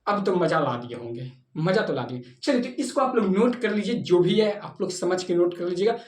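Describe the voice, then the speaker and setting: A man's voice: high-pitched, animated, normal speed, a little mellow. A man teaching maths in a playful, chatty way, asking the class questions and answering them himself. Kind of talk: classroom lecture. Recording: echoey room.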